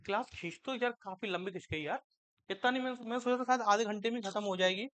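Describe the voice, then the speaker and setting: High-voiced, bright male lecturer. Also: fast. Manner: asks students questions and answers them himself; mixes English terms into Hindi. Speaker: teacher. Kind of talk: classroom lecture.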